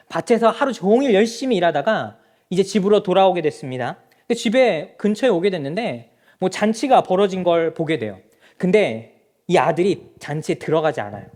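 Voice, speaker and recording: A man's voice: high-pitched, lively intonation, fairly quick, a little mellow. A male pastor preaching a sermon in a church, speaking straight to the congregation with rhetorical questions. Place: church sanctuary.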